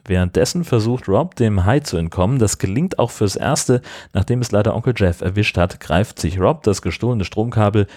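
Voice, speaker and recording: A man's voice: fairly low pitch, lively intonation, normal speed, a little mellow, slightly rough, no room sound. A man narrating a film recap in a dry, mocking way. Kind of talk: scripted narration.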